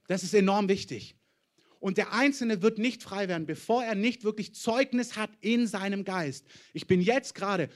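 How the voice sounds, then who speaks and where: A male pastor delivers a sermon with a slightly raised pitch. He moves between forceful, emphatic declarations and soft, confiding passages, addressing his congregation directly. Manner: emphatic preaching, swinging between loud declarations and hushed intimate asides.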